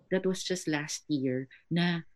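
Low-voiced chatty Filipina teacher. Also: female voice, takes it slowly. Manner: chatty, laughs often, mixes Filipino and English. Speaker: guest on a chat stream, teacher abroad. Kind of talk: casual chat.

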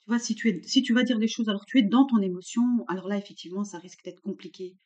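A woman's voice: mid-range voice, rapid-fire, darkish tone. A woman chatting at a brunch, reflective and talking things through with many restarts. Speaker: guest sharing her story. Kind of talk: casual chat. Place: room at a brunch.

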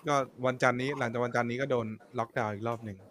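A man who is a podcast guest, explaining things step by step in a relaxed, casual chat. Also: mid-range voice, rapid-fire.

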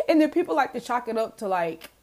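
A young adult woman chats casually with listeners on her own solo podcast, laughing often. Her voice is a little high and sing-song with a darkish tone, and she speaks fairly quickly.

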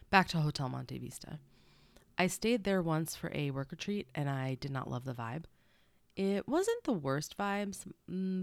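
Stuffed up and low-voiced, a young podcast host talks through her solo show, chatty and drifting into asides. The recording is dry, with no room around it.

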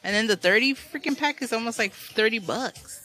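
A woman with a very bright, high voice chatting on a podcast. She is blunt and jokey and swears easily, with music faint behind her. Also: expressive, brisk. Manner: blunt, joking, swears freely. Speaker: podcast co-host. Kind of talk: casual chat.

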